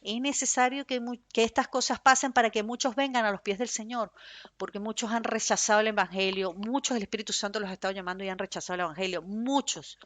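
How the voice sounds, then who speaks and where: Predicadora venezolana fervorosa, voz seca. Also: female voice, mid-range voice, steady tone, fast talker, dry recording. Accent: Venezuelan Spanish. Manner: fervent, emphatic preaching, says she speaks loudly. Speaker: preacher. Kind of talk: sermon.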